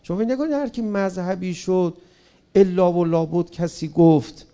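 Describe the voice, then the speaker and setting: A man speaking to an audience in a fervent, rhetorical manner, often turning to his listeners with direct questions. His voice sits high, with a gravelly, creaky grain. The tone is dark and mellow rather than bright. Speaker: public speaker. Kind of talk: impassioned public speech to an audience.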